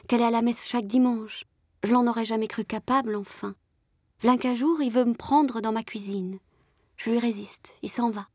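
In a whispered role-play, a young streetwalker, voiced by a woman, confides her story in a soft, high-pitched hush with rustic turns of speech. Her tone is close and confiding. The recording is dry and close. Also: breathy edge, no echo. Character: young worn Parisian streetwalker, a former country servant girl.

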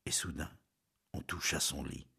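A man reading a novel aloud in scripted narration, measured and intimate, often dropping to a hush. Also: rumbling low, creaky, slightly rough, in a whisper.

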